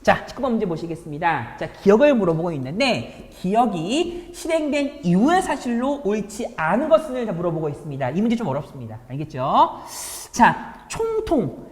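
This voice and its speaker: A woman's voice: medium pitch, sing-song, normal speed, a little mellow, echoey room, big-room sound. A woman teacher walking students through exam problems in a chatty lecture, often checking in with rhetorical questions. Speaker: high school history teacher.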